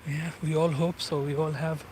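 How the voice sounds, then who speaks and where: A man in his forties rambles casually while filming a walk along a river, his non-native English often leaving him searching for words. The voice is a little high and a little mellow, with little pitch movement at normal speed, plus a faint hiss or hum.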